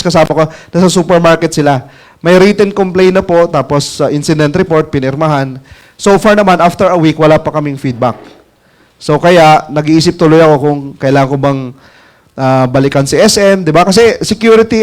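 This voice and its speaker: Guy w a high voice telling a story to a crowd, laughs a lot, super chatty. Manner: chatty, laughs often, asks listeners "alam mo yung ganun?". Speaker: network marketing mentor telling a story. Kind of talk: casual storytelling talk to an audience. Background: audience laughing.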